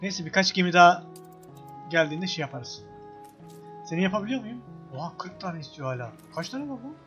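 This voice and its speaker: A man's voice: high voice, expressive, a little fast, fairly bright tone, highs cut off, soft background music. Joking man playing a game. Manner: joking, exclamatory, talks back to the game. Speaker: gameplay streamer. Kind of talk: casual let's-play commentary.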